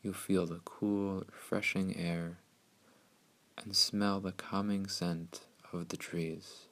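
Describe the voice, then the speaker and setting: A man narrating a scripted guided meditation in a soothing, hushed, unhurried way with long pauses. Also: low voice, flat delivery.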